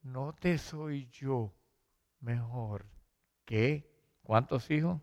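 A man voicing a loving husband who speaks softly and pleadingly to comfort his grieving wife. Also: on the high side, a little slow, vocal fry, heavily acted. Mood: tender. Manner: soft and pleading.

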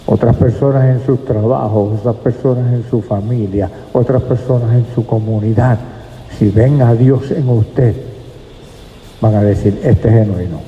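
Man, preacher, emphatic sermon, slow delivery, long reverb, dull lo-fi sound. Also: medium pitch, fairly even intonation, a little hiss or hum. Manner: emphatic, addresses listeners as brothers. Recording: echoey hall, dull lo-fi sound.

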